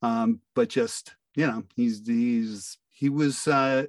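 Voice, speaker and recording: Talking slowly in a steady, mid-range voice, this older man from the northeastern US, with an American accent, is an interview guest, an amateur turned voice actor, who chats casually in a hesitant, self-deprecating way. The recording is dry, with the microphone well away from him.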